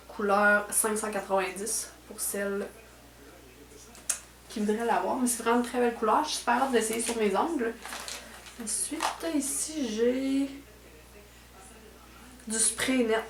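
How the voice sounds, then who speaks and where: Chatty Quebec woman with a bright voice. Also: fairly high pitch, fairly even intonation, unhurried, pauses often. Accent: Quebec French. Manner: chatty, full of fillers and trailing "là". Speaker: beauty vlogger. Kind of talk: casual unboxing chat. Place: at home indoors. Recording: echoey room.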